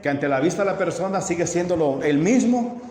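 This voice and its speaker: A man's voice: a little high, lively intonation, a little fast, a little mellow. A man preaching a sermon to his congregation, often asking them questions and acting out dialogues. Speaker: pastor. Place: church hall. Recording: echoey church hall, faint hiss.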